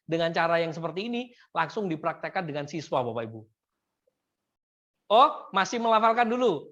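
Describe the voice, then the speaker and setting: A woman presenting a seminar to teachers, often addressing the audience and modeling simple English phrases slowly. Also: fairly low pitch, a bit bright, highs cut off.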